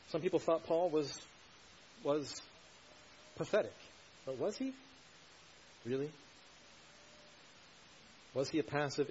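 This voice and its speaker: A man's voice: medium pitch, darkish tone, lo-fi sound, slight background noise. A male pastor preaching an earnest sermon, building to emphatic rhetorical questions.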